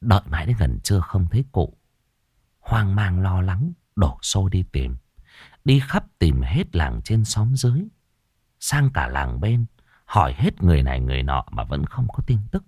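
Deep-voiced man telling a ghost story. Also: sing-song, moderate pace, darkish tone, slightly rough, no room sound, clean studio sound. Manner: dramatic, suspenseful delivery.

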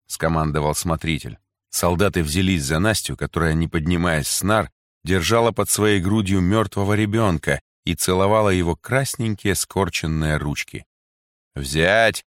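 A man reading a classic story aloud in an expressive manner. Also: sits low, no room sound, studio quality.

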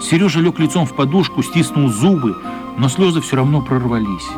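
An actor playing a thoughtful storyteller, narrating a children's radio play in an expressive, reflective way. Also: male voice, medium pitch, fairly quick, lightly acted. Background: music.

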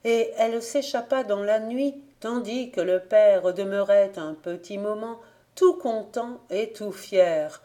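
A woman reading a classic novel aloud as a volunteer audiobook narrator, in a measured, gentle manner. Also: mid-range voice. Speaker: audiobook reader.

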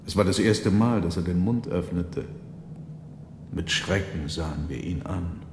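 A man narrating a literary radio play in a slow, measured storytelling manner. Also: low-pitched. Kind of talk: scripted literary reading for radio. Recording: roomy with long reverb, faint noise.

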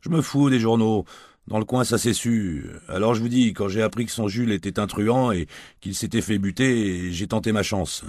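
A man's voice: fairly low pitch, moderate pace, darkish tone, dry recording, clean studio sound, pitched above the performer's own voice, close to an everyday voice. A man reading the part of a tipsy, crude, washed-up gigolo who rambles in coarse slang and whines. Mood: sneering. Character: washed-up male gigolo, crude, drunk, self-pitying.

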